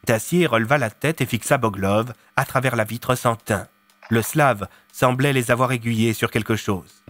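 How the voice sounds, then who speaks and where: A man narrating a serialized audiobook in a steady storytelling manner. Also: mid-range voice, moderate pace, dry recording. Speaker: narrator and voice of all characters.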